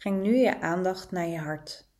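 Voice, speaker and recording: A woman leads a guided meditation in a calm, soothing voice. Her voice sits low, and she moves at an unhurried pace, letting long pauses open up between each gentle instruction.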